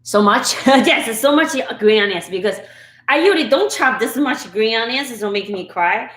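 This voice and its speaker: A woman's voice: on the high side, expressive, moderate pace, fairly bright tone, reverberant, low-quality recording. A woman from Sichuan, hosting a live-stream cooking show and chatting with viewers while she chops. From Sichuan, China. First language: Chinese. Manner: chatty, talks to viewers while chopping, laughs often. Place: home kitchen. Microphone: camera and phone setup.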